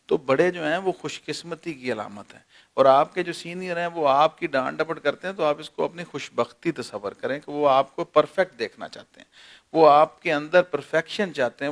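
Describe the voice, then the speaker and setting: A man, a senior advocate giving measured, lecturing answers in an interview and leaning on everyday examples. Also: fairly high pitch. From Pakistan. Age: 40s.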